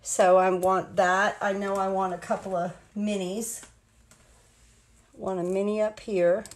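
A woman's voice: mid-range voice, flat delivery, measured pace. A woman in her sixties from the United States, chatting and explaining each step as she demonstrates card making at her craft table. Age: 60s. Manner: chatty, rambling, talks through each step. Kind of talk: live card-making demo. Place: home craft table, indoors.

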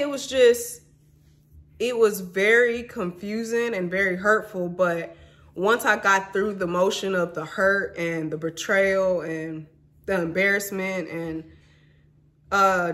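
A woman's voice: mid-range voice, a bit bright. Candid young woman vlogging her story. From Mississippi. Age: 20s. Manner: candid and emotional, says y'all and honey. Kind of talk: personal storytelling vlog.

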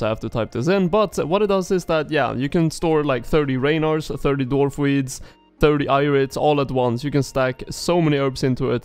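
Chatty male gaming YouTuber, smooth voice. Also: medium pitch, darkish tone. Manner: chatty, explains as he plays. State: morning voice. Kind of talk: casual game commentary.

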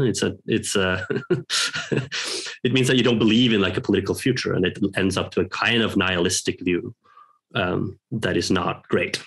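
A Norwegian professor, appearing as a guest, gives reflective interview talk over a video call with headphones from a home room lined with bookshelves. His voice is low and fairly bright, and he's hesitant and thoughtful, with many pauses and restarts.

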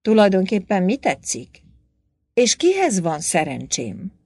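A woman's voice: medium pitch, wildly swooping pitch, dark tone, slightly rough, no room sound, studio quality, heavily acted. A woman voicing a young lady in an audiobook, speaking in breathless exclamations. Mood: stern. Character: young lady, giggly and teary-eyed from laughing. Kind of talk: audiobook character voice.

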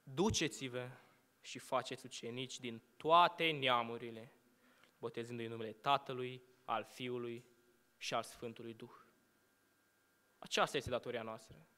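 A church hall's long reverb follows each phrase as a young adult student preacher gives his sermon at a lectern microphone. His voice is clear and bright, medium in pitch with fairly even intonation, and he works through measured rhetorical questions that rise before his sentences fade to a hushed close.

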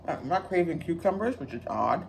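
A woman's voice: fairly low pitch, expressive, a little fast, creaky, darkish tone, a little hiss or hum. A middle-aged woman chatting casually to viewers as she eats, talking while chewing. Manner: chewing while talking, mouth often full. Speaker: vlogger on a lunch break. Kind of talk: casual eat-with-me chat. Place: small indoor room at work.

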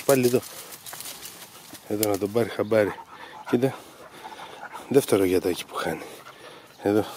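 Male dog trainer, noisy outdoor field. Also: low voice. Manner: explaining methodically, calling to dogs in the field. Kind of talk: instructive commentary over training footage.

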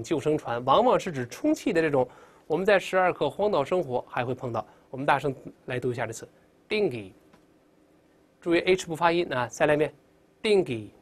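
A male English teacher giving a vocabulary lesson, calling out drill words and coaching pronunciation. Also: on the high side.

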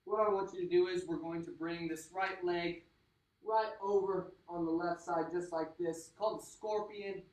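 A man coaching a kids' workout, out of breath, cheering people through holds and then calmly guiding stretches. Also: sits high, normal speed. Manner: energetic hype shouting during sets, calmer during stretches. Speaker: fitness instructor. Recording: echoey room, mic at a distance.

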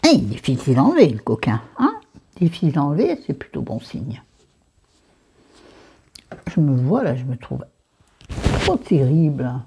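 A woman's voice: rumbling low, big pitch swings, moderate pace, creaky, pauses often, mellow, slight background noise. A French-accented woman chatting through a makeup haul, dropping into whispered asides and scolding herself by name. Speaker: beauty vlogger.

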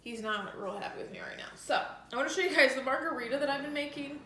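Talking fast in a high voice, a woman films a casual, chatty vlog in her home kitchen, full of enthusiasm and frequent "like" fillers. She is a lifestyle vlogger, and the recording has an echo and some faint noise.

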